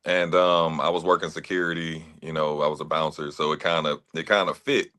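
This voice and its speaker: Deep-voiced laid-back man. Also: flat delivery, a little fast, pushed and bright. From Atlanta, Georgia, US. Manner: laid-back, frequent "you know what I'm saying". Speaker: interview guest, actor and fitness trainer. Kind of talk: relaxed conversational storytelling.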